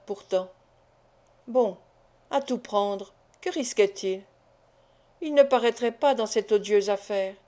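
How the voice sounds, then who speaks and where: A woman's voice: fairly high pitch, warm tone. A woman narrating a classic novel as an audiobook, reading steadily. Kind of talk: scripted narration.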